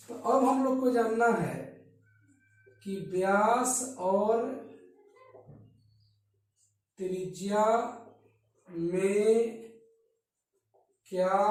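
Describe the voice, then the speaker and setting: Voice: mid-range voice, a little mellow. A teacher giving a blackboard maths lesson who keeps asking questions and answering them, repeating the key terms. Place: study centre classroom. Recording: echoey room, distant from mic.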